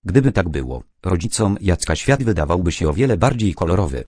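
A man narrating children's stories and poems aloud in a clear, even storytelling manner. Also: deep voice, fairly quick, no room sound, clean studio sound.

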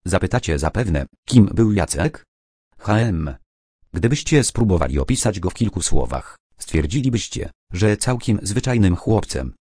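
Deep-voiced man reading children's stories. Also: big pitch swings, measured pace, mellow, slightly rough, dry recording, studio quality. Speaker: narrator.

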